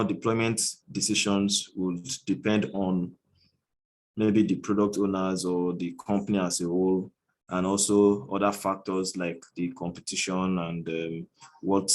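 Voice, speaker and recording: A man answering in an online class, explaining in a measured way with occasional fillers. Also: sits low, rough recording. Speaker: student.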